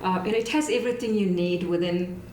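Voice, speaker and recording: A woman's voice: fairly low pitch, a little fast, a little mellow, echoey room, slight background noise. Middle-aged Sri Lankan-born woman, chatty guest. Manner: friendly, laughs often, many fillers. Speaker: university recruitment director, guest. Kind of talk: casual interview.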